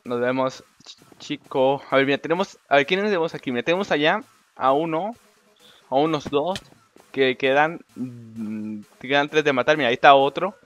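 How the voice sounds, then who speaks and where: A young man with a Mexican Spanish accent giving casual commentary over a game, excitable, swearing and talking to the other players. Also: medium pitch, moderate pace. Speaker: gameplay commentator. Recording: dull lo-fi mic with faint game music.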